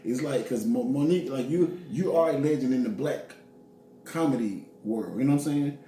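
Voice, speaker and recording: A man's voice: medium pitch, normal speed, mellow. A man co-hosting a casual commentary chat, joking and rambling with many restarts. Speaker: co-host. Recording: echoey room, mic at a distance, faint noise.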